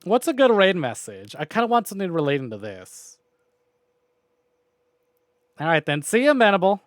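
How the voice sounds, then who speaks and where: A video game livestreamer signs off to his viewers in a fairly high voice, talking at normal speed with huge swings in pitch. He rambles casually, with loose phrasing and an occasional mild swear, recorded dry and echo-free.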